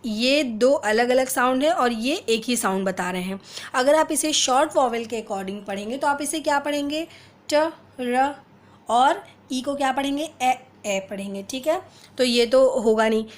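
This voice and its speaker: A woman gives a phonics lesson at an unhurried, deliberate pace. She sounds out each letter one at a time and checks in often. Her voice sits a little high. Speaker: teacher.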